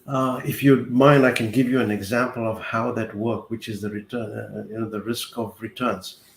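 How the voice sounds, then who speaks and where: Gravelly older man from South Africa. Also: on the low side, steady tone. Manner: measured, explains with worked examples. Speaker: guest, accountant. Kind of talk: explaining finances in an interview. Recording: roomy echo with faint ambient noise.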